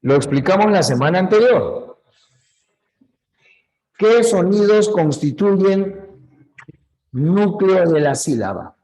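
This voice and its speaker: A male teacher gives a grammar lesson at an extremely slow, deliberate pace, pausing between phrases. His voice sits a little high for a man. He repeats each key point patiently and stops to correct his own slips. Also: lively intonation, dark tone, rough recording. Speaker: language teacher. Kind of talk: slow classroom lecture.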